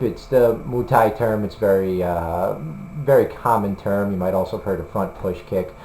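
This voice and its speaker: A man's voice: lowish voice, mellow. A man video blogging for a combat sports site, talking casually to the camera in a rambling, hesitant way with lots of fillers. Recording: roomy room with faint hum.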